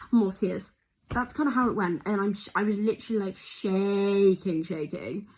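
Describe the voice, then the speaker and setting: A young woman vlogger talks in a chatty, excitable rush, full of fillers and quick restarts. Her pitch sits in the middle of the range. There is a faint hiss of noise behind her. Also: rough recording. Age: young adult. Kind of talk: casual video diary.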